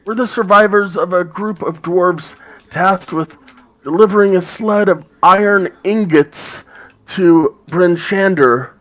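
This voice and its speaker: Man putting on a high, raspy old-hag dwarf woman. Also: slow, a bit bright, rough recording. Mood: pleading. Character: stocky female dwarf survivor, raspy, earnest, pleading.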